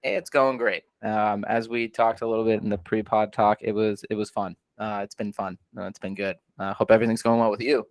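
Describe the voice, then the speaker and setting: Young guy hosting a podcast, talks quick, rambly, lots of um and like. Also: lowish voice, steady tone. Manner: eager, rambling, frequent fillers and restarts. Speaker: podcast host. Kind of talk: casual interview chat.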